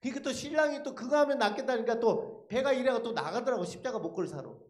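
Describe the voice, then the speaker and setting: A man's voice: very high-pitched, lively intonation, fast. A man giving a dramatic testimony at a church service, telling his story with rhetorical questions thrown to the congregation. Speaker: lay speaker giving a testimony. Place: church sanctuary. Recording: echoey church hall.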